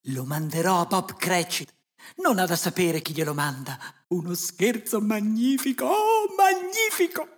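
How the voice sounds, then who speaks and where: A reader voicing an elderly male miser, speaking in high, excited exclamations. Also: normal speed, natural voice. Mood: overjoyed. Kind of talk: audiobook character voice. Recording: glockenspiel music behind.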